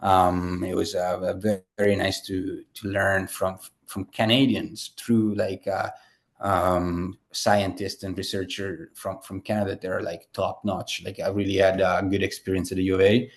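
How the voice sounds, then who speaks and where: Man, thirties, lowish voice, rambling, casual interview guest. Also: little pitch movement, a little slow. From Italy. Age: 30s. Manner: rambling, many fillers and restarts.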